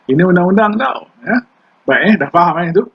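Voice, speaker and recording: Older Malaysian trainer, husky, a bit high, chatty lecture, lo-fi dull recording. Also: male voice, lively intonation, fairly quick. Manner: conversational, mixes English terms into Malay, quizzes the class. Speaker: environmental law trainer.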